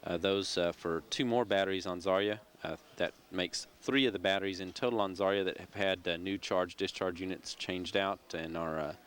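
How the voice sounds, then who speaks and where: A man giving live space mission commentary from mission control in a measured, halting, informative way. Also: low-pitched, steady tone, fairly bright tone, slight background noise.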